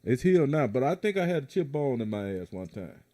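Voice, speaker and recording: A middle-aged man hosting a podcast, telling profane, animated stories in casual banter. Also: mid-range voice, fast talker. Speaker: podcast host.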